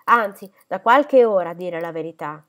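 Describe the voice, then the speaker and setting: Woman voicing a coquettish young lady, teasing and airy, lively swooping pitch, audiobook reading. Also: moderate pace, natural voice.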